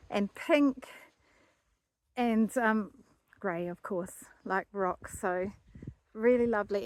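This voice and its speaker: A woman's voice: a little high, no room sound. A New Zealand woman, an astrologer, chatting casually in a vlog outdoors in a mountain forest while she walks, musing and searching for words. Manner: talking while walking over rough ground.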